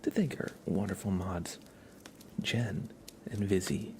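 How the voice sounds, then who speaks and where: With a low, warm voice and a slow pace, a man hosts an ASMR livestream close to the mic, whispering with a slightly stuffed-up nose. He jokes and teases viewers in casual, playful banter, and a little hiss or hum sits in the recording.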